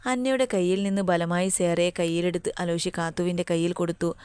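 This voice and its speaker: A woman narrating a romance story in a measured, emotional reading. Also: lowish voice, steady tone, darkish tone, clean tone, no room sound.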